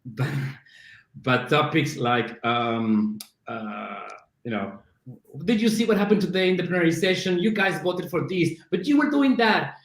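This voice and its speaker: A middle-aged Argentine man, a native Spanish speaker with an Argentine accent, chats casually as a guest on a podcast interview, where he's a CrossFit coach. His voice sits on the high side with big pitch swings and a slightly slow pace. He's self-deprecating and restarts often, and the recording has a roomy echo.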